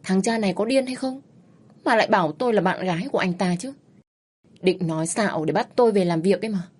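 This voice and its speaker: A woman narrating a first-person story in a lively, expressive reading. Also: medium pitch, quick pace, breathy edge.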